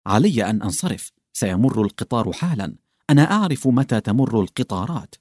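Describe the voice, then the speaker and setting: A man voicing an anxious young peasant wife who talks in hurried, fretful pleas. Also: medium pitch, very animated, darkish tone, husky, no echo, studio quality.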